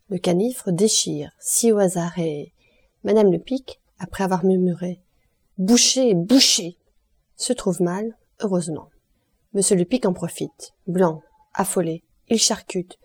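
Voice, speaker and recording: A woman narrating a literary audiobook in a measured storytelling manner. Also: fairly low pitch, dark tone, slightly rough. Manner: measured storytelling, lifts voice for quoted lines. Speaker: audiobook reader.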